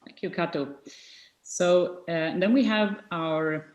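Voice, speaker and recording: A woman's voice: fairly low pitch, slow pace, a little mellow. A woman hosting an online workshop, talking with many fillers and restarts. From Sweden. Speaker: workshop host. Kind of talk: online meeting moderation. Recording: echoey video-call audio.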